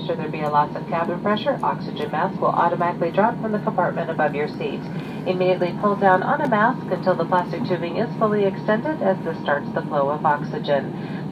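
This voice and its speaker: A flight attendant, a woman, reading a formal safety announcement over the airplane cabin PA. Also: on the low side. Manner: scripted, formal. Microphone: camera in passenger seat. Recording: distant lo-fi cabin recording, loud engine noise. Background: loud aircraft engine hum.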